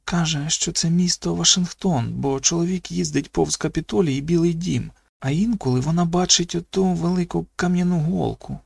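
Man voicing a small boy whispering news in the dark, higher and softer than the narration, hushed and eager, dry close sound. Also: normal speed, creaky, hardly any pauses, slightly rough, no room sound. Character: young boy whispering secret news at night.

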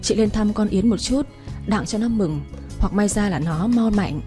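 A woman's voice: medium pitch, normal speed, dark tone, soft background music, lightly acted. A woman doing a coaxing, insistent friend.

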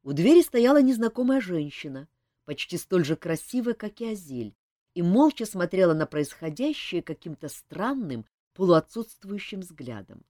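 A woman narrating a fantasy novel as an audiobook reader, expressive in delivery. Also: on the low side, moderate pace, no room sound, studio quality. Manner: expressive, lively reading.

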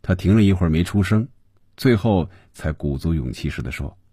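A man narrating a story in an expressive storytelling style. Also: sits low, fairly quick, breathy edge, no room sound, studio quality.

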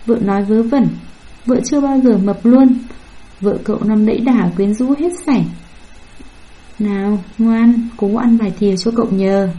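A woman's voice: mid-range voice, normal speed, mellow, close to an everyday voice. A woman voicing a remorseful young husband who coaxes and pleads with his wife, on a dull lo-fi recording. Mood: coaxing. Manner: coaxing and pleading.

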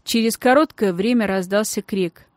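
A woman's voice: medium pitch, normal speed, no room sound, studio quality. Woman reading a children's adventure audiobook. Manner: steady, expressive storytelling. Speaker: audiobook narrator. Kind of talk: scripted narration.

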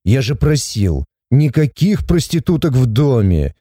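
A man voicing a stern, contemptuous grown man who speaks slowly and coldly. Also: mid-range voice, sing-song, dark tone, no echo, clean studio sound. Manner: slow, cold, clipped.

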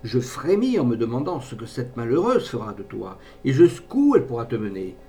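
Guy putting on a jealous bossy mom, high and swooping, scornful, mic far off with a low rumble. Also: big pitch swings, normal speed, a little mellow. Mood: indignant. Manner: indignant, scornful tirade. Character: bitter, jealous, domineering middle-aged mother. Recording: distant mic with faint rumble.

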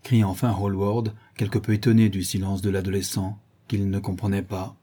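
Dark, husky male audiobook narrator. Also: deep voice, level tone. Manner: measured, literary. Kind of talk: scripted narration.

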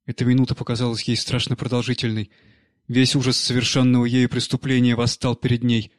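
A man narrating an audiobook in a measured, steady reading. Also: medium pitch, no room sound, clean studio sound. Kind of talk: scripted narration.

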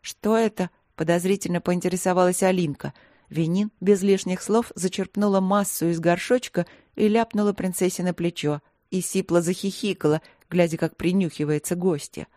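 A woman reading an audiobook as narrator, in a steady, even scripted delivery. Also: on the low side, moderate pace, no room sound, studio quality.

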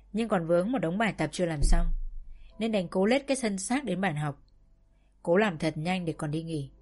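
Woman narrating a story over soft music. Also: fairly low pitch. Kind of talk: first-person story narration.

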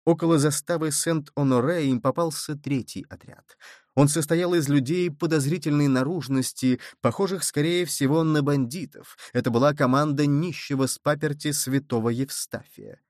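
A man narrating an adventure novel in steady, measured storytelling. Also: a little high, dry recording, clean studio sound. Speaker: audiobook narrator. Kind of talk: scripted narration.

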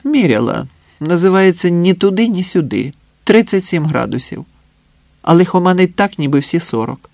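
A worn-out young woman, soft and pleading, as a male narrator puts her on in a storybook reading. Her voice sits a little above his usual pitch, with a tired, gentle way of talking. The sound is close and dry. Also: big pitch swings, normal speed, vocal fry, dry recording. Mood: weary.

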